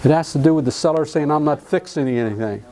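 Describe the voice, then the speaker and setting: Warm in tone and a little high, this middle-aged Alabaman talks at a quick clip while teaching real estate contracts to a live classroom. He keeps things folksy with jokes and puts questions to his students, his Southern roots clear.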